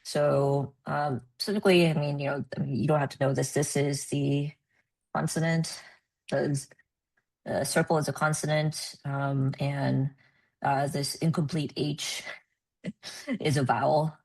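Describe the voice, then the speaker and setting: A woman presenting at a research meeting, explaining with many ums and pauses. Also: low-pitched, little pitch movement, vocal fry, a little mellow. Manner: hesitant, many ums and uhs.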